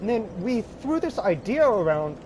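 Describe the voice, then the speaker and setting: A man casually telling an anecdote about his games, animated, swearing freely and breaking into laughter. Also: high-pitched, moderate pace, background noise. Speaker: gaming storyteller.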